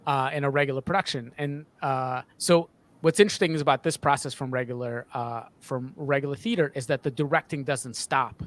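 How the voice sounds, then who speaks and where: A man in his thirties, a sound designer, gives an interview answer on his creative process via video call from a small home studio. He speaks haltingly, repeating and restarting words often, with a medium-pitched, steady, fairly bright voice. A close desk boom microphone picks him up.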